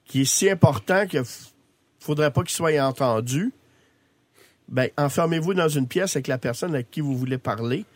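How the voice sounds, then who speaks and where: A man's voice: on the high side, normal speed, no echo. A man with a Quebec French accent informally explaining technology as an expert guest on a radio show. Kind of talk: informal explanation, answering callers. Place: radio studio.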